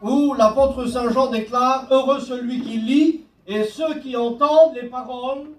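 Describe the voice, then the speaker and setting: A man preaching a sermon as pastor, speaking slowly and deliberately and quoting scripture. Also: very high voice, steady tone. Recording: echoey church hall, mic at a distance.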